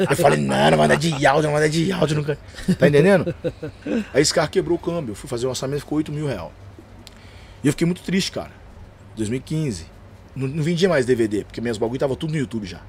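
A man with a São Paulo accent, a gospel rapper and preacher telling stories as a podcast guest, slangy and animated, acting out the dialogue. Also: a little high, slight background noise. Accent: São Paulo Portuguese. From São Paulo, Brazil. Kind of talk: casual storytelling chat.

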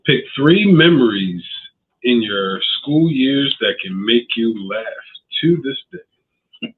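A man from Delaware co-hosting a podcast, chatting casually in a laid-back, unhurried way. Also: medium pitch, lively intonation, husky. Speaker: podcast co-host. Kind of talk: casual chat. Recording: tinny phone-like line.

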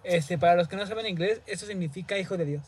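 A man co-hosting, giving excited, slangy reactions in casual chat. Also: high voice, fast, breathy edge. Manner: excited, laughing slangy banter. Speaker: co-host.

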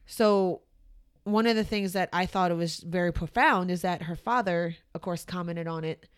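An American woman co-hosting a podcast, chatting casually with lots of fillers and sudden lively jumps in pitch. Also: moderate pace, smooth. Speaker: podcast co-host. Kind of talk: casual chat.

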